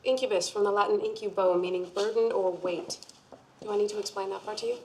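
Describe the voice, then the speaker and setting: A woman's voice: medium pitch, big pitch swings, quick pace, husky, poor audio. An actress playing a wry young woman who explains research in a television drama.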